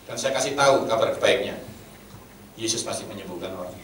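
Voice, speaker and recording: A man preaching a sermon in Javanese-tinged Indonesian, blunt and animated, swinging between loud outbursts and hushed asides. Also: fairly low pitch, brisk. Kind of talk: sermon with storytelling. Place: church meeting hall. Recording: roomy echo, from a distance, faint background hum.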